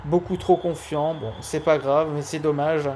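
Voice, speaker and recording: An amateur live streamer with a lisp and slushy s and sh sounds commentates a football video game match and dedicates it to a friend, repeating key words for emphasis. His male voice is a little high with fairly even intonation, and he speaks unhurriedly over background noise.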